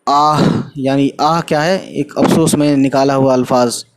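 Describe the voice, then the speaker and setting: A man's voice: mid-range voice, fairly even intonation. A man teaching an Urdu textbook lesson. He reads a line, explains it in simple words with some English mixed in, and checks in with his students.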